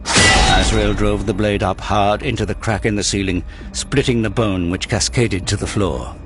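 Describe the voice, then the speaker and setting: A man delivers grave, intense scripted narration for an audio drama in a literary style, his voice on the low side and his pace moderate. There's background noise, with prominent music and sound effects.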